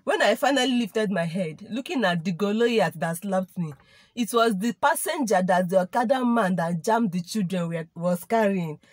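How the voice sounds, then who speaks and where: A woman's voice: mid-range voice, expressive, moderate pace, no echo. Chatty young Nigerian woman telling a story. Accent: Nigerian English. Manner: chatty, mixes in Igbo and Pidgin expressions. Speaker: vlogger. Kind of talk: casual storytime monologue.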